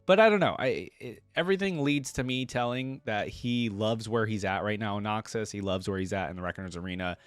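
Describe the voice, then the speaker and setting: A medium-pitched man reacts to game lore for his viewers, thinking aloud in casual, rambling commentary as a video creator. There is no echo on the recording.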